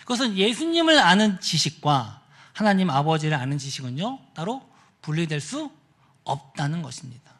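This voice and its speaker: This is a man delivering a sermon in a church. His voice sits high and bright. He tells stories with animated swings in pitch and plays out the characters' lines himself. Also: moderate pace. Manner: animated storytelling, acting out voices in quotes. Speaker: pastor. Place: church sanctuary.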